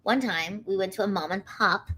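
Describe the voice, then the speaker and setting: A woman with a small, swallowed-sounding voice chatting casually and telling stories in an animated way, acting out what people said. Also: medium pitch, normal speed, slightly rough. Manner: animated storytelling, quoting herself and others. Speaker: talk show guest. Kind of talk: casual chat.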